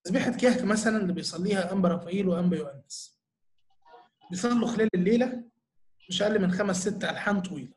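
Egyptian male church teacher, high voice, quick, earnest Q&A explainer. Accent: Egyptian Arabic. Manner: earnest, explanatory, full of rhetorical questions. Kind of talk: answering audience questions in a talk.

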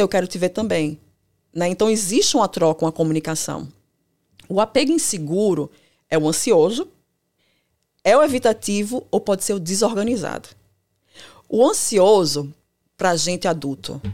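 Animated woman explaining. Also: fairly low pitch. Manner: animated, acts out quotes, laughs easily. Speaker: family and couples therapist, guest. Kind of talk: explanatory podcast conversation.

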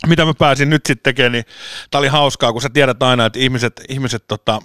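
A man's voice: mid-range voice, steady tone, a bit bright, clean tone, no echo, clean studio sound. A man co-hosting a podcast, telling long casual stories with lots of restarts and the odd swear word. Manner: rambling storyteller, swears and laughs often. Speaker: podcast co-host. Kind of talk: casual chat.

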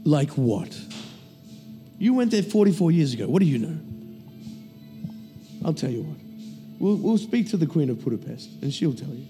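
A man hosting a loose chat, his voice lively and bouncing around in pitch. He jokes crudely and keeps asking questions. The sound carries a long reverb with faint music underneath. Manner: animated, crude joking, quick questions. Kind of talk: casual banter.

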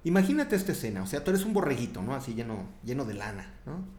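A man's voice: mid-range voice, fast talker, reverberant. A man with a Mexican accent preaching a sermon in a chatty, conversational way, often tagging his sentences with questions. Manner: conversational, animated, tag questions.

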